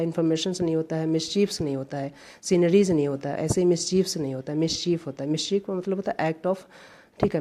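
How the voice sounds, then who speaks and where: An Indian woman teaches English grammar for exams, working through the questions one at a time and reading every example sentence slowly and deliberately. Her voice is low-pitched with a dark tone.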